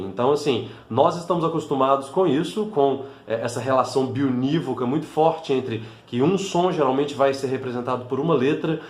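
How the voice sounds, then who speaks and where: A man's voice: fairly high pitch, a little mellow, reverberant. A Brazilian man, a language teacher, explaining patiently to camera and checking in often with his listeners. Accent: Brazilian Portuguese. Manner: patient, with frequent fillers and check-ins like "né?".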